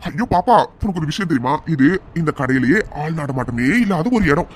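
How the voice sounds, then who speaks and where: A man's voice: fairly high pitch, expressive, brisk, slight background noise, natural voice. A man voicing a swaggering young thug in a cartoon, taunting and mocking. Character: swaggering young male thug, leering, menacing. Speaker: voice actor. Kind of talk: cartoon voice acting.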